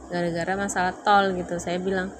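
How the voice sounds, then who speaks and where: A woman casually telling a personal story in a lively way, getting louder when she recalls arguments. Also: on the low side, fairly quick. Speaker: vlogger telling her marriage story. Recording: clearly noisy background.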